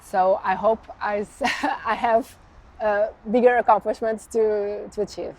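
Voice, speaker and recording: A woman's voice: medium pitch, steady tone, a little slow, a little mellow. A Portuguese woman with a Portuguese accent answering interview questions in English, hesitant with many restarts and frequent laughs. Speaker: interview guest, communications professional.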